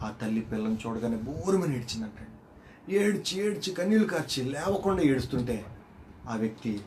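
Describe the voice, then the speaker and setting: A male pastor preaching a sermon with dramatic storytelling, swinging from loud emphatic lines to hushed ones. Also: mid-range voice, very animated, moderate pace, a little hiss or hum.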